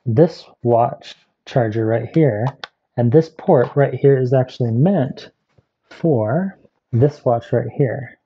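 A man's voice: medium pitch, slow pace, lo-fi sound, slight background noise. A man chatting casually through a gadget review vlog, rambling with asides as he tries out devices.

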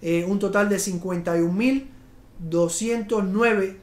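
High-voiced man pitching home savings. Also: measured pace. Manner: rambling, restarts and fillers, upbeat sales pitch. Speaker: realtor and show host. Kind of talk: live video talk on home finance. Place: studio in front of a slide screen. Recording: echoey studio room.

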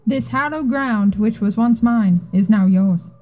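A woman's voice: fairly high pitch, unhurried, dark tone, faint music behind, lightly acted, rough recording. A woman voicing a male mole-like guide creature from a video game, reading its lines in a made-up accent that drifts around. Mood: solemn. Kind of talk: reading game dialogue aloud.

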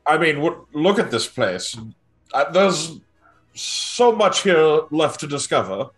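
A man in casual, improvised tabletop role-play, speaking in a hesitant, halting way. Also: a little high, sing-song, fairly bright tone, poor audio. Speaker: tabletop game player.

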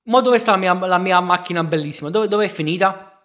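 A young man gives casual commentary while he plays a Minecraft game. He is excitable and keeps exclaiming to his viewers. His voice sits a little higher than most men's. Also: a little fast. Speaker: gaming youtuber.

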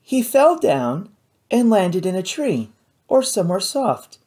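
A woman reading an audiobook, voicing an eager, impulsive young woman scientist with animated enthusiasm. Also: mid-range voice, slow, pitched above the performer's own voice. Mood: enthused.

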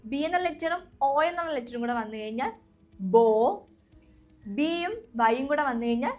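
A young Malayali woman gives a spoken English lesson, saying each sound, asking the listeners to repeat it, then saying it again. Her voice sits a little high. Faint music plays softly behind her. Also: expressive, fast. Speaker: English teacher.

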